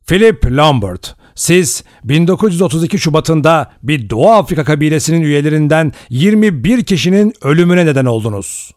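A man's voice: fairly high pitch, no echo, clean studio sound, pitched above the performer's own voice, close to an everyday voice. Man doing a stern, solemn accusing voice. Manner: slow, formal, accusing pronouncements. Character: stern, solemn male voice from a recording.

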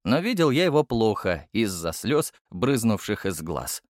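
A man narrating an audiobook in an expressive storytelling manner. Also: lowish voice, measured pace, dry recording, clean studio sound. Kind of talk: scripted narration.

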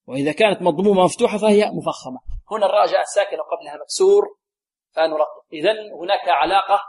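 Guy teaching quran recitation, fairly high voice, keeps asking the class and repeating the answers. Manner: drills sounds aloud, asks the class questions and repeats answers; often repeats a set blessing phrase to the students. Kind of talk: tajweed lesson to students.

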